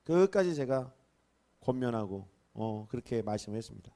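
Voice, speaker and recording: A man, a senior pastor, preaching a sermon, swinging from hushed asides to emphatic, raised exclamations. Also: medium pitch, lively intonation, normal speed. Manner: acts out rebukes and quoted speech in a raised voice.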